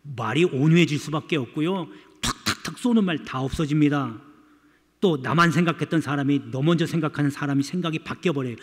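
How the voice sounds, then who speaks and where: A man's voice: fairly high pitch, brisk, long reverb tail. A male pastor preaching a sermon in a church, speaking emphatically and repeatedly addressing the congregation. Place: church sanctuary.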